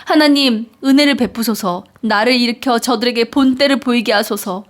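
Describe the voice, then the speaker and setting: A woman reads scripture aloud in a slightly high voice. Her delivery is slow, earnest and measured. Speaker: Bible reader. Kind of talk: scripture reading.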